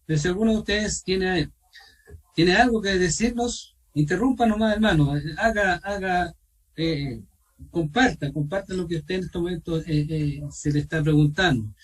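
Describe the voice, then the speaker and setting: A man with a Chilean accent teaching an online Bible study, asking his listeners questions and pausing with fillers. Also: high-pitched, far from the mic, low-quality recording. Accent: Chilean Spanish. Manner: asks questions of the group, repeats himself, pauses with fillers. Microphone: video call.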